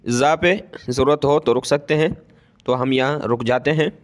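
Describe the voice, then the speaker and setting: A male Quran teacher who recites verses slowly and drawn out, then explains the letters and vowel marks in quick asides. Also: medium pitch. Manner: slow drawn-out recitation with brisk explanations between.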